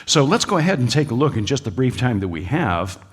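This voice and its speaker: This time the American creationist lecturer sounds medium-pitched, sing-song, and fairly quick, with a breathy edge, in a large lecture hall. He keeps things folksy and joking for the live audience, using frequent uhs.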